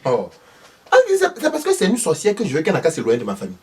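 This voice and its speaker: Comedy role: a man playing a husky, fiery older Ivorian mother, high and very lively, from a distant mic. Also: very fast, heavily acted. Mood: indignant. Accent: Ivorian French. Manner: loud, insistent, exclaiming.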